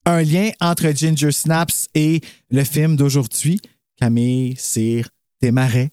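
A man's voice: on the high side, flat delivery, takes it slowly, a little mellow. A man co-hosting a horror podcast in Quebec French, rambling and enthusiastic as he shares his impressions. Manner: rambling, enthusiastic, frequent restarts and laughs. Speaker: podcast co-host. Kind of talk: casual podcast chat.

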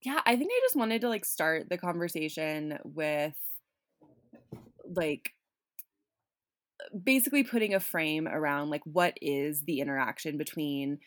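A woman's voice: low-pitched, animated, a little slow, pauses often, no echo, clean studio sound. A woman hosting a podcast, talking casually with lots of "like" and "um" and frequent restarts. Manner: rambling, many fillers and restarts. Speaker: podcast host.

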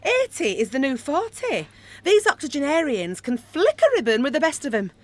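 A woman's voice: sits high, huge pitch swings, moderate pace. A woman playing a pushy, flirty female office charity collector, bossy and teasing. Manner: bossy, teasing, sing-song.

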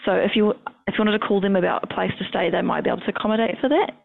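New woman on reception, gravelly voice, tinny phone line, quick and businesslike. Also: medium pitch. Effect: heard over the phone.

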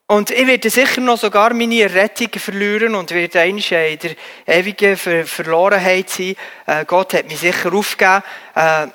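A man preaching a sermon earnestly, pleading with his listeners and often pausing on filler sounds. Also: high-pitched, bright, forceful tone, big-room sound.

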